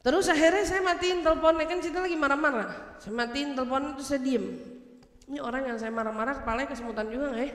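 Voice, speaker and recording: A woman preacher giving a lively, humorous religious talk, laughing often and acting out what people say. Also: high-pitched, quick pace, echoey room, in a large hall. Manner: animated, humorous, acts out quoted speech; laughs often while speaking.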